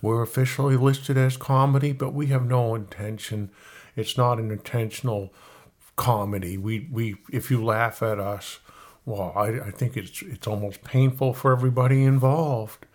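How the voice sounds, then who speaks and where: Guy reading headlines, dry little jokes after each one, mid-pitched voice. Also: fairly even intonation, normal speed. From Maine. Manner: wry, self-mocking asides. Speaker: podcast host. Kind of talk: reading headlines with offhand commentary.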